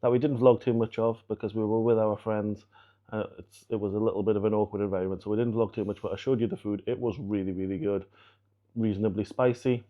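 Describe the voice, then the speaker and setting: A man's voice: on the low side, fast talker, highs cut off. A man chatting casually in a travel vlog, recapping the day to camera. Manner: chatty, relaxed, wraps up to camera. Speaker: vlogger.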